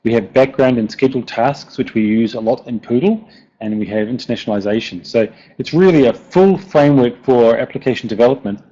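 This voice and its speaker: Mellow man with a broad Kiwi accent. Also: medium pitch, fairly quick. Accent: broad New Zealand. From New Zealand. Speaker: presenter, software developer. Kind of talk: informal technical presentation. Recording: dull lo-fi online audio.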